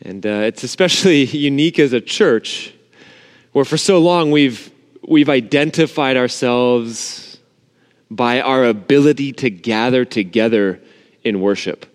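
A pastor with a medium-pitched, unhurried voice preaches an informal, earnest sermon, speaking directly to the congregation. The sanctuary is empty, so his words ring with a long, cathedral-like reverb.

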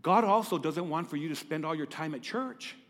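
A man delivers a sermon in a church, his voice pitched high for a man. He stammers over repeated words and keeps putting questions to the congregation. The sound rings with a long hall reverb. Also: expressive, fairly quick, a bit bright. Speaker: pastor.

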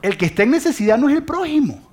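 A man's voice: very high voice, big pitch swings, very fast, darkish tone. A man preaching a sermon, speaking directly to listeners with questions and dropping to a whisper on key words. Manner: mixes English phrases into Spanish.

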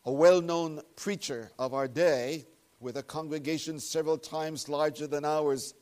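A male pastor preaches into a pulpit microphone in a church sanctuary. His voice sits fairly high for a man, and he unhurriedly leans on key words with earnest, solemn emphasis. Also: steady tone, a little slow, darkish tone. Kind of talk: prayer and sermon.

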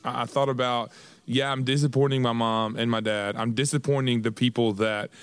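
Young male minister, casual rambling chat, mid pitch, dry studio mic. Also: fairly even intonation, fairly quick, smooth, no room sound. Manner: rambling, self-correcting. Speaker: youth minister.

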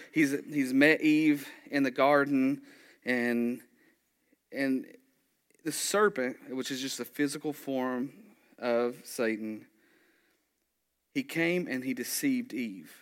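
A man preaching a sermon to a congregation, lively and jokey, with frequent asides to the listeners. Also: mid-range voice. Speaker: pastor.

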